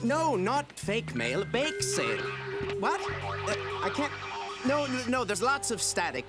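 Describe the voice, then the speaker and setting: High-pitched, flustered cartoon caller. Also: male voice, sing-song, loud music behind the voice, full character voice. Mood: flustered, exasperated. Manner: halting, repetitive. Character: flustered adult struggling on a crackly phone call. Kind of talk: children's cartoon acting.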